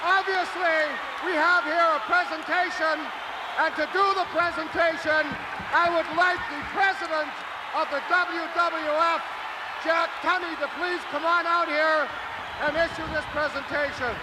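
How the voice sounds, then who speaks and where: A man's voice: very high voice, flat delivery, unhurried. A man hosting an in-ring talk segment, grandiose and theatrical in manner. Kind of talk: arena interview segment. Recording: arena crowd and noise.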